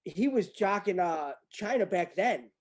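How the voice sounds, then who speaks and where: A man's voice: high voice, animated, measured pace. A man in a casual commentary chat who reads aloud from a document, rambling and repeating himself in disbelief. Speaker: guest reading a document aloud.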